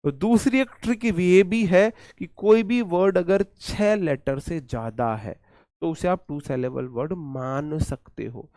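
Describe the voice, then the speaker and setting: Male grammar teacher, slightly high voice, dry close sound, drills words by repeating them slowly. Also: a little mellow, no room sound. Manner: repeats words slowly to drill pronunciation, calls students "brother". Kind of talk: exam-prep lecture.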